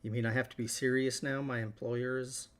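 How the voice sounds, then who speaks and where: A man hosting a live painting stream, talking through each step in a relaxed way as he works. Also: medium pitch, fairly quick. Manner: relaxed, thinking aloud while working. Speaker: host.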